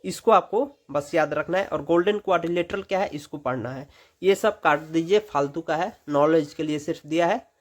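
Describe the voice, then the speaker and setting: Man, teacher, slightly higher voice, brisk, repetitive, instructive exam prep. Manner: brisk, instructive, repeats phrases.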